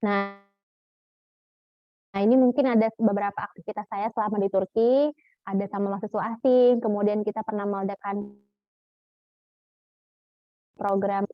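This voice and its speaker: A woman's voice: medium pitch, fairly even intonation, normal speed, long pauses, dry recording. A young woman presenting casually over a video call, her audio choppy and breaking up, chatty with many hesitations. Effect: choppy, breaking-up online call audio. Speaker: guest speaker sharing experiences. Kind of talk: casual presentation to an online audience. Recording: dull, lo-fi, dropping-out call audio.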